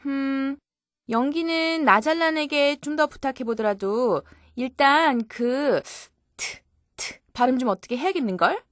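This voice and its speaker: A woman's voice: sits high, lively intonation, measured pace, no room sound, studio quality. A woman voicing a helpful female cartoon friend who encourages and corrects. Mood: encouraging. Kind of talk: educational cartoon dialogue.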